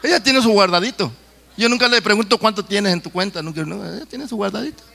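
Middle-aged male preacher from Mexico, high bright voice, chatty sermon style. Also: fast, creaky. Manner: conversational, with asides and jokes to the congregation.

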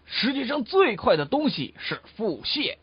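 Lively husky man telling jokes. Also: extremely high pitch, moderate pace, no room sound. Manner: lively, animated voice acting in quotes. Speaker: comic storyteller. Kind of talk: comic crosstalk storytelling. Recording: dull dry lo-fi recording.

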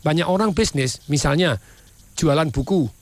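A middle-aged man, a business owner, telling folksy, animated stories in casual talk. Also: a little high, normal speed, no room sound.

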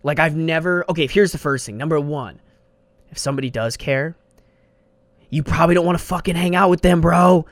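A young podcaster speaks alone into a studio mic on his desk, wandering through a slangy, sweary monologue packed with "bro." He talks fairly quickly in a slightly high voice, and no room sound is audible.

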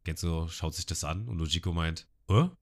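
A man's voice: low-pitched, level tone, fairly quick. A man co-hosting a casual podcast, retelling an anime episode scene by scene and acting out the lines. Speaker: podcast co-host.

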